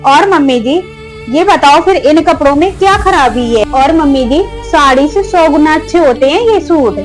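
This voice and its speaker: Family skit: a woman playing a young daughter-in-law, high-pitched, argues her side politely but firmly. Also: lively intonation, normal speed, faint music behind. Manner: argumentative, pleading, repeatedly addressing her.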